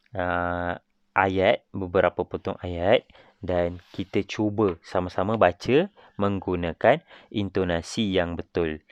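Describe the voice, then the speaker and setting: Low-voiced malaysian guy teaching, slow and patient, dull dry recording. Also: smooth, no echo. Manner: explains step by step, acting out sentence intonation. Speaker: primary school teacher. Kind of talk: recorded class lesson.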